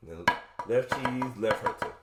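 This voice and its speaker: A man's voice: medium pitch, normal speed, heavy background noise. A man casually explaining drum rudiments step by step, correcting himself as he goes while demonstrating on a drum. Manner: casual, self-correcting, thinking aloud. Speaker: drumline instructor. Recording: echoey room with drumming. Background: drum playing.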